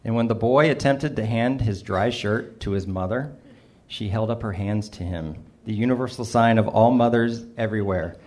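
A man's voice: on the low side, normal speed, darkish tone. A middle-aged man reading his own humorous personal essay aloud, with a dry, self-mocking delivery. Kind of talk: first-person storytelling, wry and humorous.

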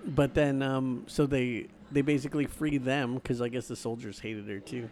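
A man's voice: medium pitch, fairly even intonation, normal speed, darkish tone. A man co-hosting a casual movie chat in a blunt, sweary, slangy way.

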